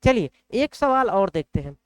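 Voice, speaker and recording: A man's voice: high-pitched, big pitch swings, normal speed, clear, resonant tone, no room sound. A man with a Bihari accent teaching a math class in a colloquial way, often asking the class questions. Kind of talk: blackboard lesson.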